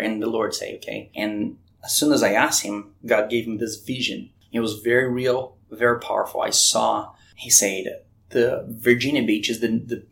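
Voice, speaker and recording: A Brazilian man with a Brazilian Portuguese accent, a missionary guest, tells his testimony earnestly in a creaky, medium-pitched voice. He acts out remembered conversations with many restarts, and a little hiss or hum sits under the recording.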